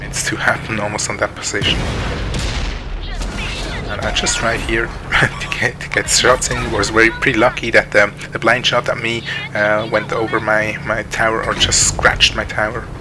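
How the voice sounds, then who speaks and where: A gaming channel host from Switzerland gives casual commentary in a Swiss accent, hesitant and full of ums and restarts. His voice is fairly low and level at a moderate pace, with music in the background and tank game sounds over his voice.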